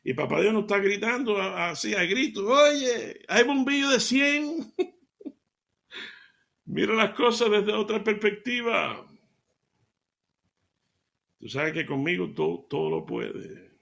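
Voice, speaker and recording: A man giving a devotional talk, telling stories in an animated way and laughing as he goes. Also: high-pitched, gravelly. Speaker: lay preacher.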